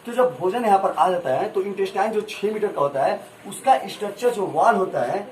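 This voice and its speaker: A man's voice: high voice, animated, fairly quick, a little mellow. Man, science teacher, classroom call-and-response, distant mic, roomy noisy recording. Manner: asks the class to repeat answers, homely examples. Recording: echoey room, far from mic, noisy.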